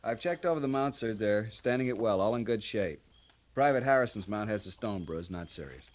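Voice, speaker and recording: An actor playing an earnest young cavalry lieutenant, formal and respectful, in an old-time radio western. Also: male voice, lowish voice, lively intonation, fairly quick, natural voice.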